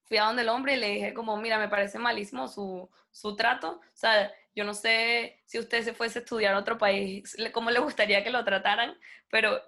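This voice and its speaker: A young woman whose first language is Spanish appears as a guest in an interview, recounting events with casual liveliness and impersonating the figures involved. Her voice is a bit high, at an ordinary speed.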